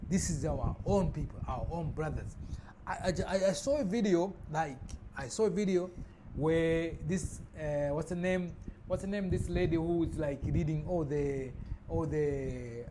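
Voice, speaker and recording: A man giving casual spoken commentary, halting and restarting often with many fillers. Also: fairly high pitch. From Tanzania. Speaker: vlogger. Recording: noisy background ambience.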